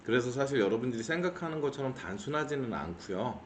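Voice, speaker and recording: A middle-aged man, host of an auction channel, giving a measured explanatory lecture that slows to stress key points. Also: mid-range voice, expressive. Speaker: auction investor explaining cases. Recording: roomy echo, faint background hiss.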